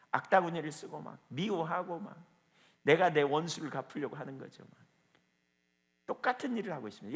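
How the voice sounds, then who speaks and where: A man's voice: on the high side, creaky, big-room sound. A man preaching a sermon as pastor at a small evening prayer meeting, emphatic and firing rhetorical questions at the listeners.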